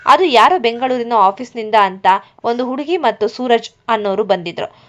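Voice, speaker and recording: An angry older village mother, voiced by a woman storyteller in a storybook reading, scolds through tears. The voice is fairly high. The recording is dull and lo-fi. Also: expressive, normal speed, fairly bright tone. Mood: stern. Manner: sobbing and scolding.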